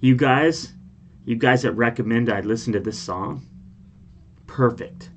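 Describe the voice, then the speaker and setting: A man's voice: medium pitch, unhurried, a little hiss or hum. A man hosting a reaction video, talking casually and conversationally as he shares personal anecdotes. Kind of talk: casual rambling chat and storytelling.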